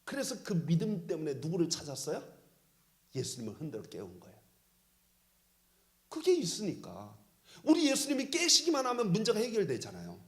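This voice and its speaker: Emphatic high-pitched man preaching. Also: wildly swooping pitch, a little fast, pauses often. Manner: emphatic preaching, swings from loud calls to soft near-whispers. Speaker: pastor. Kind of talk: sermon.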